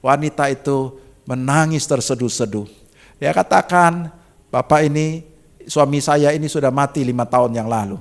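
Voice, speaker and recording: A middle-aged Indonesian man preaching a sermon as a pastor, telling a story with dramatic swings from soft and low to loud and high, often calling out to his congregation. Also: normal speed. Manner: addresses congregation as "saudaraku".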